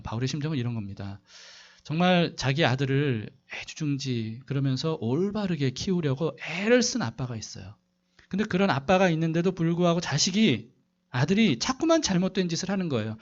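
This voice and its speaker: A man's voice: on the high side, lo-fi sound. A male pastor preaching a sermon, asking the congregation questions and telling a story to illustrate his point. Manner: asks the congregation rhetorical questions.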